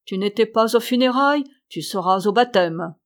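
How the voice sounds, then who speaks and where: A woman's voice: medium pitch, lively intonation, normal speed, natural voice. A stiff old dowager grumbles and sneers at a young soldier. A woman reads her in a storybook audiobook. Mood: sneering. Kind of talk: audiobook reading.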